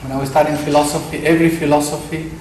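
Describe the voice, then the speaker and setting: A middle-aged Argentine man gives a conference talk packed with anecdotes and self-deprecating humor. His voice is on the high side and darkish, his delivery flat and racing, and the hall is echoey with background noise.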